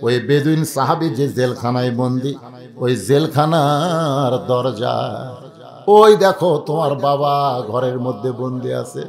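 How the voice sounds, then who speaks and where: A man from Bangladesh with a Bogra dialect, preaching a waz sermon and telling a story, dramatically swinging from hushed to shouted lines and acting out the dialogue. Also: medium pitch, a little slow, long pauses. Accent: northern Bangladeshi (Bogra) dialect.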